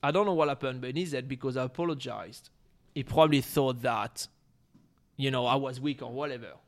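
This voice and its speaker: A man's voice: mid-range voice, brisk. Casual young male storyteller, plain mid voice, loose and rambling. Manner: rambling, many fillers, acts out quotes in shouted voices. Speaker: storyteller on a chat show. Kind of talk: casual anecdote telling.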